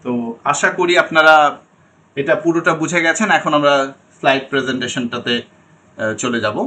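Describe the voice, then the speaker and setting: A man's voice: on the high side, moderate pace, pushed and bright. A young man teaching an online English pronunciation lesson, explaining each sound and repeating it, and often checking that the class follows.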